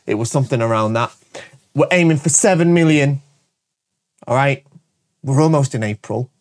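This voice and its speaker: At a normal speed and medium pitch, a man hosts his show with a congested, cold-stuffed voice. As a shop owner giving a casual promotional talk to camera, he's energetic and jokey and repeats "all right?" after his points again and again.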